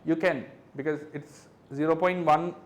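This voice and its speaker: A man's voice: a little high, fairly even intonation, moderate pace. A male physics tutor reviewing exam questions, working through figures step by step and checking understanding with tag questions.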